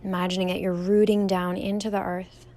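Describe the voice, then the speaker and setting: A young female yoga teacher leads a standing meditation slowly and soothingly, gently drawing out her words. Her voice is mid-range and shows little pitch movement.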